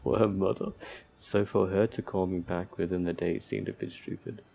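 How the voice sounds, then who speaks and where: A gaming video host gives casual commentary in a deep, steady, warm voice with vocal fry, speaking at a normal pace. He reads game text aloud, stumbling now and then, tosses in mock-despairing asides, and the lo-fi recording sounds slightly dull.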